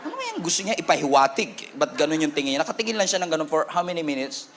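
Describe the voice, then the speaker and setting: A man with a Filipino accent preaching a sermon in a church, animated and humorous, calling on the congregation to respond. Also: a little high, quick pace, background noise. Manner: animated, humorous preaching with Taglish code-switching. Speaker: pastor.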